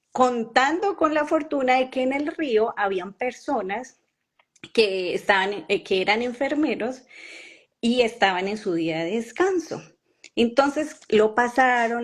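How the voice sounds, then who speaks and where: Colombian woman, halting emotional testimony. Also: on the high side. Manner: halting, with many pauses and fillers; earnest and emotional. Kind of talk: personal testimony.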